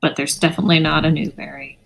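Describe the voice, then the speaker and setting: A woman's voice: sits low, level tone, fast, vocal fry, fairly bright tone. A woman playing a tabletop role-playing game, describing her character's actions in a casual, playful way. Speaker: player.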